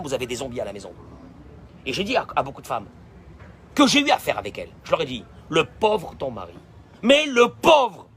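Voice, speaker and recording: A male rabbi preaching a sermon, emphatic and repetitive, swinging between loud declarations and hushed asides. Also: on the high side, a little hiss or hum.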